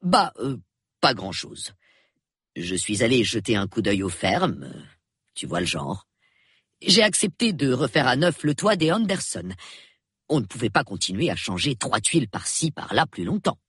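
A man voicing a tired older colonel in an audiobook, hesitant and falsely hearty, lower and quieter than his narration. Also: big pitch swings, normal speed, breathy edge, no room sound, studio quality, exaggerated voice. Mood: evasive. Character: weary older colonel, man, forced cheer. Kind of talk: audiobook character voice.

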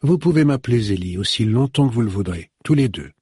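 Quiet unsure woman, a man reading her, husky, dry. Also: mid-range voice, lively intonation, a little fast, no room sound. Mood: calm. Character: calm, hesitant grown woman.

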